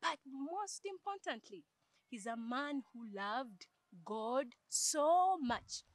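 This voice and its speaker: A young woman teaches a Sunday school lesson to children outdoors. Her voice is high and she tells the story in a lively, expressive way. The recording is close and dry. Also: takes it slowly, no room sound. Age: young adult. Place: outdoors in a garden.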